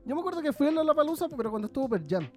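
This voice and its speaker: A man's voice: very high voice, sing-song, racing, mellow, faint music behind. A young Chilean man co-hosting a podcast, chatting crudely and laughing often. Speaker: podcast co-host. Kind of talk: casual chat.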